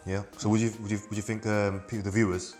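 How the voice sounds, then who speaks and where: Man, host, deep-ish voice, quick hesitant talk, faint music behind. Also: flat delivery, a little mellow. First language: Korean. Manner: hesitant, plain phrasing. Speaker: cooking show host. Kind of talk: casual chat.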